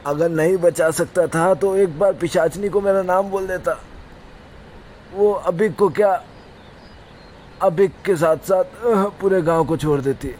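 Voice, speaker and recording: A man's voice: high-pitched, unhurried, a little mellow, slight background noise. A man doing a boastful bumbling village elder. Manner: scolding, rambling, full of himself. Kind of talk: animated cartoon voice acting.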